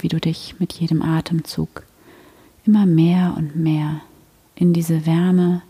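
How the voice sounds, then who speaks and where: A woman leading a guided meditation in a gentle, hushed, soothing manner like a sleep story narrator, with long pauses. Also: low voice, slightly rough. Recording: long hall-like reverb.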